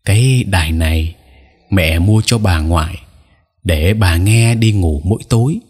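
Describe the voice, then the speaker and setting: Man reading a worried mom, slow and soothing, low husky voice, soft music under it. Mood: earnest. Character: worried, gentle mother soothing her child.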